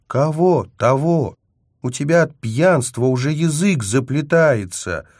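A man's voice: on the low side, expressive, moderate pace, darkish tone, dry recording, clean studio sound. A man reading an audiobook, voicing a capricious young woman agent who teases, scolds and adores by turns. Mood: scolding. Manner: teasing, mood swings from scolding to tender. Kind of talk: audiobook character voice.

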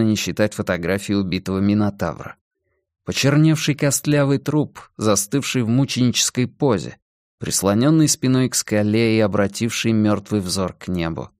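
A man reading a novel aloud as an audiobook narrator, in a measured, deliberate manner. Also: lowish voice, dry recording, clean studio sound. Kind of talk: scripted narration.

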